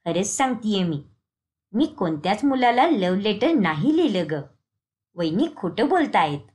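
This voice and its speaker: A woman voicing a sly teenage girl, the younger sister-in-law, who talks defensively and pleads in a lowered voice. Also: very animated, moderate pace, a little mellow, close to an everyday voice. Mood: defensive pleading.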